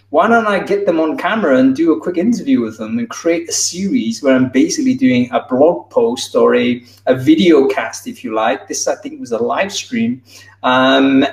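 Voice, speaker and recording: The keynote speaker, a man in his thirties, talks to a conference over a video call through wired earbuds, keeping it conversational with fillers and restarts. His voice is fairly high and a little mellow, captured with roomy, distant video-call sound.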